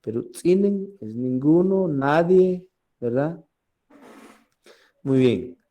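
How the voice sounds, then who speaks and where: A man teaching a recorded language class, speaking slowly, repeating each word and often asking "¿verdad?", with frequent throat clearing. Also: fairly high pitch, animated, mellow. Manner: slow, repeats words and asks "¿verdad?" often.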